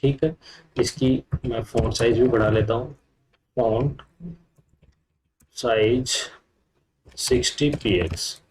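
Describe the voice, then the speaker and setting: A man's voice: medium pitch, fairly even intonation, slow, pauses often, darkish tone, slight background noise, poor audio. A man teaching a computer class, explaining step by step while he types, with frequent fillers. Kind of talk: live coding lesson.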